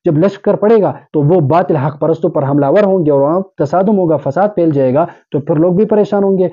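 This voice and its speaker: An Islamic preacher delivers an earnest Urdu sermon in a higher-pitched male voice, urging his listeners on and explaining his points with everyday examples. The audio sounds dull.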